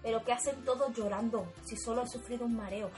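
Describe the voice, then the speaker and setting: Woman doing calm male doctor, matter-of-fact, dismissive, fairly high voice, soft music. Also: fast, lightly acted.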